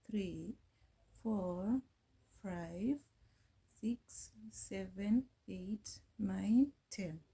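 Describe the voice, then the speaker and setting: A woman giving a relaxed crochet tutorial, talking slowly with frequent hesitations as she counts rows. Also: medium pitch, breathy edge. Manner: slow, hesitant, with many fillers, counting rows aloud. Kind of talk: casual tutorial instruction.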